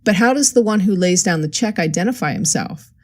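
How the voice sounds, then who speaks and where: A woman's voice: fairly low pitch, animated, brisk. A woman reader voicing a shrewd male detective who is posing as a crook and talks in a plain, questioning way.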